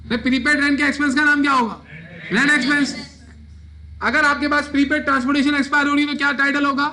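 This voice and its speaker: A man's voice: very high voice, little pitch movement, fast, sharp tone. A man teaching an accounting class, asking his students questions and answering them himself. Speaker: accounting lecturer. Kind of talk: classroom lecture.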